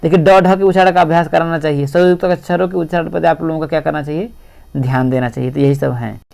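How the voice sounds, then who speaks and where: A man's voice: sits high, creaky. A male teacher giving an exam-prep lecture, explaining step by step and repeating "see" often.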